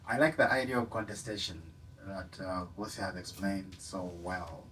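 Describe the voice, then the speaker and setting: Man, audience question, impassioned, bright tone, off-mic. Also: low voice, moderate pace, distant mic, a little hiss or hum, poor audio. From Uganda. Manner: impassioned, rises and falls in force, laughs between points. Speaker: audience member asking a question. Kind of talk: passionate question from the floor.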